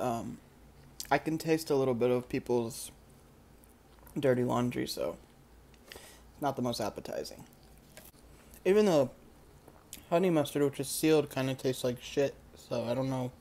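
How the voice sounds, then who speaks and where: Deadpan young man reviewing food. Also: mid-range voice, measured pace, long pauses. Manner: dry, deadpan, crude humor. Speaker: comedy vlogger. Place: small indoor laundromat by a window. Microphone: phone camera held close.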